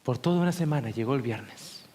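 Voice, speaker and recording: A male pastor preaching a sermon as heartfelt personal storytelling, often dropping to hushed whispers before speaking up with emphasis. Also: medium pitch, lively intonation, fairly quick. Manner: shifts between hushed whispers and louder emphatic speech.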